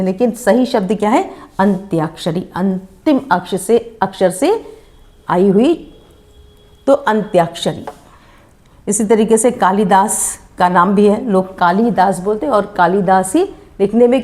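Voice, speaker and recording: A woman teaching a grammar lesson, asking her own questions and answering them, and slowing down to sound out each word. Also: mid-range voice, a little mellow. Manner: slows down to spell out words syllable by syllable. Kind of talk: spoken lesson.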